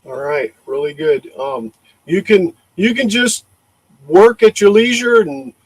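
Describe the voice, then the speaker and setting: A man's voice: high-pitched, lively intonation, measured pace, breathy edge, no room sound, poor audio. A man from Chicago with a Chicago accent, hosting a casual livestream chat, who stumbles over and repeats his words and laughs often. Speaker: livestream host.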